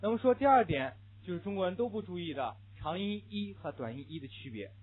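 A slightly higher-pitched man with a husky voice lectures a classroom on pronunciation, leading students through phrases to repeat after him. The recording is thin and phone-like, muffled and lo-fi. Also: expressive, brisk. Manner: explains patiently, drills phrases for students to repeat. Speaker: English teacher.

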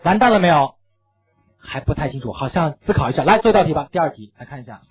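A man teaching an English reading lesson, animated and full of rhetorical questions, slipping English phrases into his lecture. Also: on the high side, fast talker, soft background music. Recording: tinny phone-like recording.

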